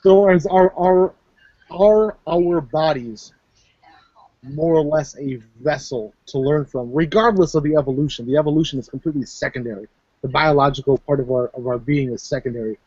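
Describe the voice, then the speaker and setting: A brash man from Minnesota riffs through casual chat, swearing freely and rambling. His voice sits fairly high and sounds dry and close. The call audio is dull and lo-fi. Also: mellow, slightly rough, no room sound.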